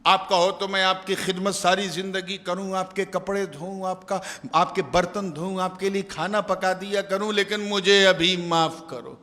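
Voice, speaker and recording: A man's voice: high-pitched, little pitch movement, few pauses, sharp tone. A male preacher voicing a pious young man who pleads urgently for forgiveness, in a large mosque. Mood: pleading. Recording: long echo of a large hall.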